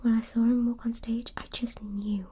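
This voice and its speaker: A woman reading a novel aloud in a breathy, mostly unvoiced ASMR whisper. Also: fairly high pitch, level tone, moderate pace, dark tone.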